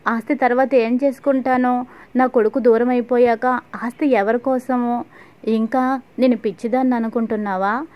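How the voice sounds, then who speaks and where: A bitter middle-aged mother lashes out in angry, scolding bursts, as a woman narrator reads her. The voice stays high and flat in pitch. The sound is dull and lo-fi. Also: close to an everyday voice.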